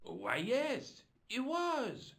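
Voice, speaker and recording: A man's voice: extremely high pitch, wildly swooping pitch, drawn-out words, a bit bright, heavily acted. An actor playing a chatty, theatrical French café man in a video game, with a French accent. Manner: theatrical, melodramatic, fussy.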